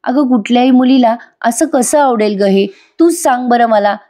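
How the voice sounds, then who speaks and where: A woman's voice: fairly high pitch, moderate pace, dark tone, voice pushed up, natural voice. A woman voicing a young man pleading on his wife's behalf.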